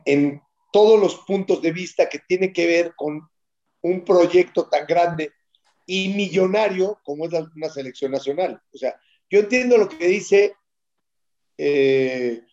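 A man on a sports panel, rambling slowly and swearing casually as he makes his point. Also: fairly high pitch, darkish tone, lo-fi sound. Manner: slow, profane, rambling. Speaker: football panelist. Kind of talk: casual crude panel banter.

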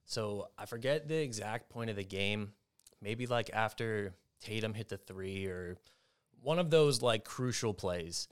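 A young adult man hosting a casual sports betting talk show, telling stories in an animated, excitable way. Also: fairly low pitch, a little slow, smooth. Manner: animated storyteller, excitable, mimics shouting. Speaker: host.

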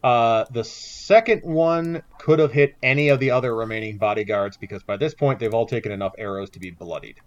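A man's voice: medium pitch, a little fast, hardly any pauses. A man running a tabletop game as game master, narrating the action descriptively with lots of fillers, recorded with dull lo-fi sound.

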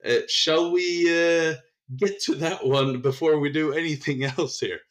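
A man hosting a casual sports podcast, chatty and quick to laugh, sometimes tripping over his words. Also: fairly high pitch, steady tone. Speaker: podcast host.

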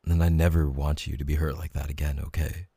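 A young man in a whispered role-play, talking softly and intimately as a reassuring boyfriend. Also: flat delivery, fairly quick. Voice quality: gravelly, husky low voice. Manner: soft, intimate, reassuring talk to the listener.

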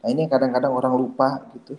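A man's voice: mid-range voice, completely flat delivery, very fast, a little mellow. A man, a doctor and researcher, talks casually as a podcast guest, explaining at length with small restarts and hedges. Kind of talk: casual conversational interview.

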